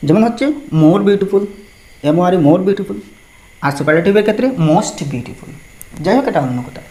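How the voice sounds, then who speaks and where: A woman's voice: medium pitch, expressive, moderate pace, mellow. A woman tutor teaching an exam-prep grammar lesson, explaining step by step and spelling words out letter by letter. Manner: mixes Bengali explanation with English examples. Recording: echoey room.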